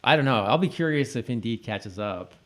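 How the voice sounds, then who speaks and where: Talking through a TV episode with his podcast co-host, this man keeps things loose, casual, and a little hesitant. He speaks at a medium pitch with lively intonation and a slightly quick pace.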